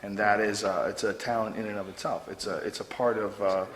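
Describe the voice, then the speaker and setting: A man in his forties hosting a casual backstage chat, loud and joking, swearing freely. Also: fairly low pitch, level tone, fairly quick, in a large hall, rough recording. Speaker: podcast host. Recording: faint background noise.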